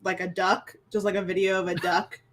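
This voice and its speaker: A woman playing a tabletop role-playing game who speaks hesitantly and haltingly, with many fillers. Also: lowish voice, level tone, a bit bright, slight background noise. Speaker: player. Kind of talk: tabletop role-play chat.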